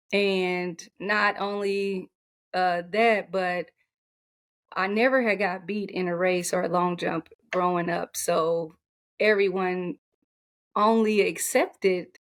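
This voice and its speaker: A soft-spoken woman coach talking in an interview, with many fillers and restarts. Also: fairly low pitch. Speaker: coach, podcast guest. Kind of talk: conversational interview.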